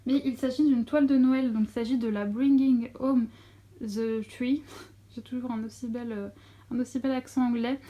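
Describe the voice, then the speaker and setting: Young woman vlogger, slightly high and mellow voice, chatty with lots of fillers, filming on a phone at home. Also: steady tone, brisk. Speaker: crafts vlogger. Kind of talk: casual unboxing chat. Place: at home near a window. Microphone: phone camera.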